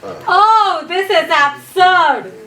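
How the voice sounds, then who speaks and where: A woman playing a haughty, indignant panellist in an amateur pantomime, with shrill, exaggerated theatrical delivery. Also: lively intonation, very slow, crowd noise, exaggerated voice. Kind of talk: amateur pantomime stage acting. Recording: echoey hall with audience and noise.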